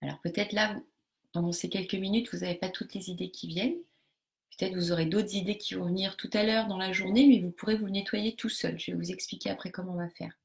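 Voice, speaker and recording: A woman's voice: medium pitch, fairly even intonation, quick pace, gravelly. A woman leading a live group coaching session, explaining a technique step by step to participants with frequent hesitations and restarts. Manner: hesitant, many fillers and restarts while explaining; instructive, talks directly to participants.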